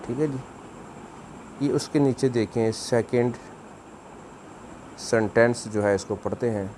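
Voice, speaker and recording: A man's voice: mid-range voice, slow, darkish tone, slight background noise. A man, giving a video language lesson, explaining patiently and repeating words for practice. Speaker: language teacher.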